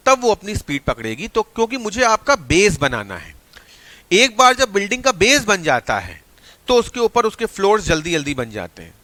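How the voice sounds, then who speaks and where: A male teacher giving an energetic exam-prep lecture, mixing Hindi with phrases. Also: sits high, normal speed, no echo.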